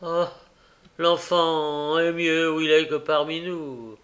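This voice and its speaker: A bitter, defiant young woman who answers back with mocking scorn, voiced by a male audiobook reader. Her lines ride higher and louder than the narration, delivered at an unhurried pace. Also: steady tone. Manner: raised and mocking, taunting. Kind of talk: audiobook character reading.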